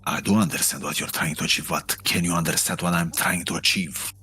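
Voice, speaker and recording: A man playing a proud, strong-willed warrior in a tabletop game, arguing earnestly in a husky voice. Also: low-pitched, steady tone, a little fast, bright, forceful tone, faint music behind. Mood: earnest, pleading.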